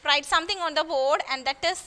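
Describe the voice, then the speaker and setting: A woman teacher with a Kerala accent giving a recorded class to young children, reading English slowly and explaining in quick asides, asking questions and answering them herself. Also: sits high, pushed and bright. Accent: Kerala Indian English. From Kerala, India. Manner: slow careful English, quick Malayalam asides, asks and answers own questions.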